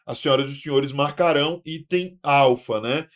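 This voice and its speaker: Lively male grammar teacher, chatty. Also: mid-range voice, moderate pace. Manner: lively, talks to viewers as "senhoras e senhores" with tag questions; acts out student questions himself. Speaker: exam prep teacher. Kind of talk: recorded online lesson.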